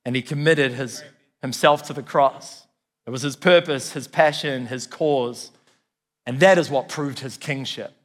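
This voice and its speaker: In a hall with long reverb, a pastor with a New Zealand accent delivers a sermon to his congregation. His voice sits in the mid range and moves at an unhurried pace, earnest and emphatic, with phrases said again and again.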